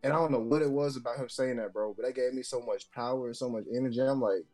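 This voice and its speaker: A young man co-hosting a podcast tells a story in a loose, slangy, profane style packed with fillers. He talks fast in a medium-pitched, slightly mellow voice, with soft music in the background.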